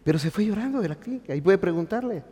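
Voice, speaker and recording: A man's voice: sits high, animated, fast, a little hiss or hum. Middle-aged pastor man preaching, voice swings all over, big echo behind him. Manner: swings from hushed asides to loud emphatic preaching, addresses listeners as brother. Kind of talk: sermon. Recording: long hall reverb.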